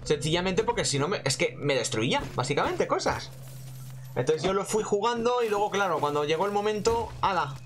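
A man's voice: high voice, big pitch swings, brisk. A man with an accent from Spain giving casual gameplay commentary in a rambling, slangy way with lots of swearing. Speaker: gaming host.

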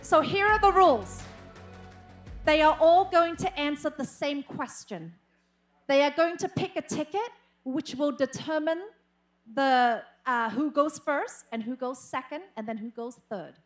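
A woman's voice: high voice, unhurried. Woman emceeing a pageant live, switches vietnamese and english, pumped-up announcer, light music under. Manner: mixes Vietnamese and English, announces with rising excitement. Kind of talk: live stage hosting. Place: live event stage.

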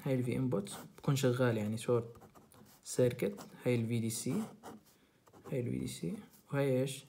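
A young man with a Jordanian accent, tutoring through a recorded lecture and repeating the key points. He asks quick questions and answers them himself. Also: mid-range voice, creaky, warm tone, slight background noise. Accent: Jordanian Arabic. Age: young adult. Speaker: student tutor.

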